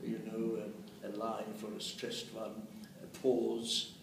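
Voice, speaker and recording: Speaking slowly in a fairly low, creaky voice with a completely flat delivery, an elderly translator in his eighties offers poetry recitation with commentary, though he recites with expression and rhythmic emphasis. The setting is an indoor meeting room. A camera or phone a short way off captures it, leaving a roomy, distant sound and faint noise.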